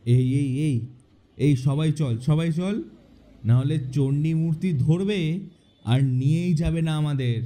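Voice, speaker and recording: A teasing young friend, slow and mellow. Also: male voice, on the high side. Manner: teasing, playful.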